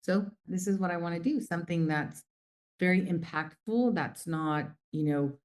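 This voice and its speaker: With a lowish voice at a moderate pace, a middle-aged U.S. woman tells warm, chatty stories crowded with fillers. She's the guest on a casual interview and the founder of a lip color company.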